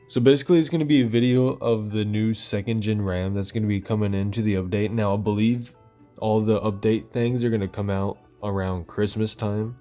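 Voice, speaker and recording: Over gameplay footage with music behind him, a man hosting a gaming channel rambles through casual, colloquial news commentary. His voice is lowish and dark in tone.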